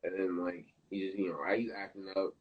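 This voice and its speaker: A man's voice: sits low, flat delivery, a little fast, highs cut off, a little hiss or hum. A young man casually telling a story with slang, laughing through it. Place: indoors, live stream.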